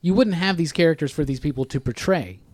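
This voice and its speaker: A man's voice: a little high, fast, a little mellow, no room sound. A man co-hosting a casual podcast chat in a studio, rambling and saying "like" a lot. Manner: rambling, says "like" often. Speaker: podcast co-host. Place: recording studio.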